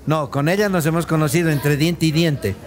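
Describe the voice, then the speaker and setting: A man in his sixties from Bolivia, a comedian and dental technician, chatting as a guest in a relaxed, storytelling way and calling the host brother. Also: fairly high pitch, moderate pace, a crowd in the background. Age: 60s. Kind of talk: casual interview chat. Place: studio set with a round table, at night.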